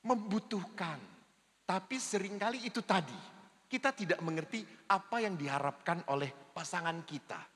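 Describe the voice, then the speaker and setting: Man, priest, jokey seminar talk, high voice, echoing hall. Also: normal speed. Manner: lively, jokey, acts out spouses' lines. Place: church hall. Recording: long reverb of a large hall.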